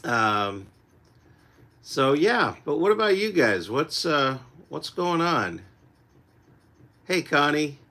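A country singer in his forties chats with viewers on a casual livestream from his home music room, rambling laid-back with plenty of fillers. His voice is on the high side and a little rough as it recovers from being lost, with a sing-song, slow delivery and long pauses. A loud acoustic guitar sits in the mix.

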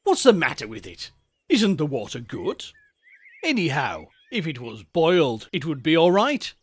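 A man's voice: fairly high pitch, wildly swooping pitch, moderate pace, slightly rough, exaggerated voice. A man voicing a rude, cocky English schoolboy in a storybook, brash and dismissive.

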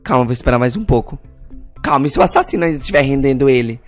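A man's voice: mid-range voice, very animated, racing, soft background music, close to an everyday voice. Guy doing a scared whiny kid, voice jumps all over, very dramatic. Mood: nervous. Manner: whiny, dramatic, shrieks in panic. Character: cowardly, whiny young boy, spoiled superhero's son. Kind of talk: Minecraft role-play voice acting.

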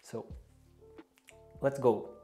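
Soft music plays behind a young Bosnian-accented man hosting a casual reaction video. His voice is mellow and very slow, broken by many fillers and restarts. He's in a small indoor room with a lamp.

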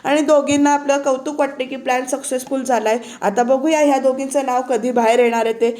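A woman's voice: high-pitched, little pitch movement, brisk, a little mellow. A woman narrating a voice-over recap of a TV serial episode, chatting directly to her viewers. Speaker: TV serial reviewer.

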